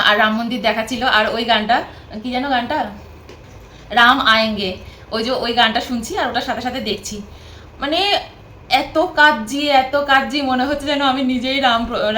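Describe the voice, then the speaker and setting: A woman's voice: a little high, fairly bright tone, roomy sound, a little hiss or hum. A woman vlogging at home from her bed, chatting casually to the camera, rambling and repeating herself.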